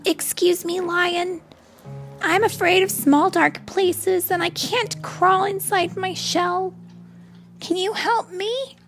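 A timid little boy turtle, as a woman reading aloud puts him on, speaks in a high, polite voice. He pleads softly and takes his time. Faint music plays behind him. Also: steady tone, slow pace, full character voice. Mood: pleading.

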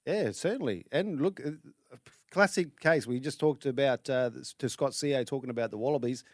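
An Australian man co-hosting sports radio, giving casual opinions in a halting way, repeating words as he goes. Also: medium pitch, no room sound, studio quality. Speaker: radio sports show co-host. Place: dry radio studio.

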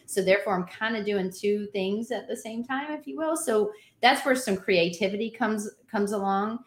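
A woman trainer giving energetic workout advice in a casual chat, laughing often. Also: medium pitch, normal speed, echoey room. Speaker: fitness trainer guest.

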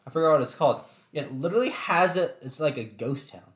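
A young man co-hosting a podcast, telling a story in a relaxed, laid-back casual chat. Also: a little high, fast. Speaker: podcast co-host. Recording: echoey room.

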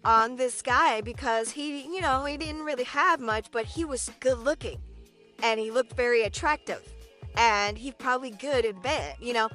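Podcast co-host, woman, high and bright voice, chatty with many repeated words. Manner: chatty, repeats words, keeps asking "right?". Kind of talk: casual chat.

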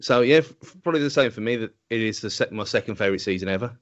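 A man co-hosting a casual football podcast, forthright and quick to laugh. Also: lowish voice, dull audio. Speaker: podcast co-host.

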